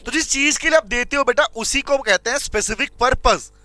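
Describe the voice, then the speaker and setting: High, bright-voiced Indian teacher man. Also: a little fast, dry recording. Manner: repeats key points and quizzes students with rhetorical questions; calls students "beta" and "bhaiya" fondly. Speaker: commerce law teacher. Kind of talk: classroom lecture.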